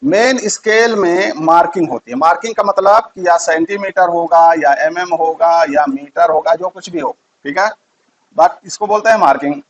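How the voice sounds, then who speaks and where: A man's voice: a little high, normal speed, lo-fi sound, slight background noise. A man giving a physics lesson, repeating key terms and quizzing his students. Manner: repeats key terms, asks quiz questions. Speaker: teacher.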